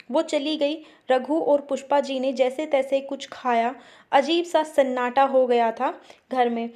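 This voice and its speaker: Woman, storyteller, high voice, steady expressive reading. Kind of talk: storytelling narration.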